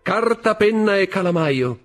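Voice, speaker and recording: A man's voice: low voice, sing-song, moderate pace, darkish tone, slightly rough, soft background music, heavily acted. A man doing a sly scheming accountant. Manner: insinuating, feigned innocence. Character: scheming, sly male accountant plotting betrayal.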